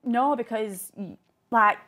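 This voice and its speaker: A woman's voice: a little high, slow pace, a bit bright. A young woman with a northern English accent, a podcast guest chatting in a dry, teasing, self-deprecating way. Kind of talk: casual chat.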